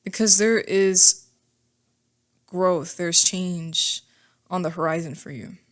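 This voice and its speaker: A tarot reader with a somewhat low voice talks through a reading in a casual, chatty way full of little asides. She reassures her listeners, ending many phrases with "okay?" and "all right?", and is recorded on a microphone.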